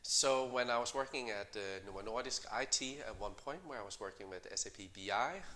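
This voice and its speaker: A middle-aged man, a company co-founder, answering interview questions in a measured way with many fillers and restarts. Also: medium pitch, bright, forceful tone, a little hiss or hum. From Denmark.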